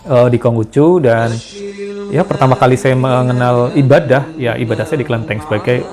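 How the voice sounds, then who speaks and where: A man, a guest in an interview, telling his life story in relaxed conversation with some hesitations. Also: medium pitch, normal speed, over music.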